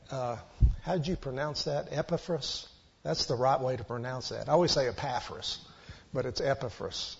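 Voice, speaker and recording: Male pastor, husky and creaky, exhorting the congregation, lo-fi sound. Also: mid-range voice, mellow. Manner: explains Greek word meanings, earnest and exhorting. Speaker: preacher. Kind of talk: sermon. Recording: dull lo-fi church recording.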